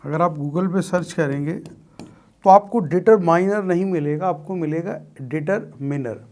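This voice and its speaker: A man teaches a grammar lesson at an unhurried, drawn-out pace. He lays out each term slowly, then turns it into a question for the class and answers it himself. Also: a little high, mellow. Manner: slow, deliberate, repeats key terms as questions. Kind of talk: exam-prep grammar lesson.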